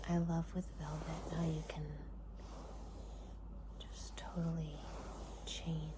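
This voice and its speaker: A woman hosting ASMR in a soft, hushed whisper, speaking in short unhurried phrases with pauses between them. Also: deep voice, completely flat delivery, noisy background. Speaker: ASMR host.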